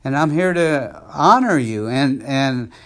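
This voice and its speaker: A man's voice: medium pitch, expressive, slow. A man, a missionary evangelist, preaching an encouraging podcast sermon in a fervent, repetitive cadence.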